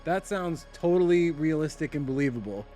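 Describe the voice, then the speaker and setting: A man's voice: on the high side, animated, a little fast, mellow, soft background music. A young man co-hosting a podcast, joking in a sarcastic, playful way and spinning mock conspiracy theories. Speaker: podcast co-host. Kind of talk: casual joking banter.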